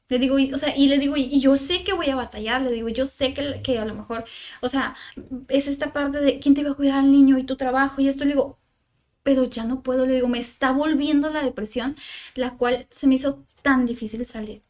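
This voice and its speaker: A young Mexican woman with a high, light voice shares a personal story as a podcast guest. She keeps acting out what each person said, and her talk is full of fillers. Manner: recounts dialogue, filler-heavy with "o sea" and "le digo". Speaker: psychologist guest on a parenting podcast.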